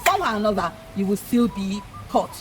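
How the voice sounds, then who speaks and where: Here a woman with a Nigerian accent talks quickly, her mid-range voice swinging widely in pitch, while faint music plays behind her. As an educator telling children folktales, she repeats points and quizzes her listeners in a teacherly manner.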